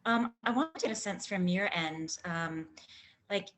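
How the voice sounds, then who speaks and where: A woman's voice: medium pitch, measured pace, fairly bright tone. A woman hosting a webinar interview who speaks hesitantly, with frequent "um"s, as she introduces and questions her guest. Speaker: interview host.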